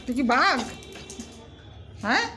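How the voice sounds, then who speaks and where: High-voiced woman scolding her pet. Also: sing-song, slow, pushed and bright, faint music behind. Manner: coaxing, mock-scolding, repetitive exclamations. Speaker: pet owner.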